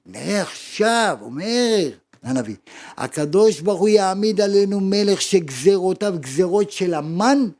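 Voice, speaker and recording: Fervent, animated rabbi preaching a sermon. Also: male voice. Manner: dramatic storyteller, swinging from loud exclamations to hushed low tones; preaching with rhetorical questions. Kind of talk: Torah lesson sermon.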